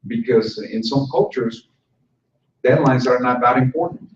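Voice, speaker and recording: A man speaks unhurriedly in a medium-pitched voice during a conversational conference presentation for instructors, occasionally joking with the crowd. The setting is a conference room, recorded from a distant mic with roomy hall sound that's dull and slightly noisy.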